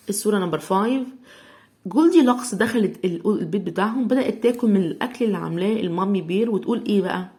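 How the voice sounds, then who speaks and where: A young woman with an Egyptian Arabic accent teaching a children's English lesson, sounding out words slowly syllable by syllable. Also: medium pitch, expressive, dark tone.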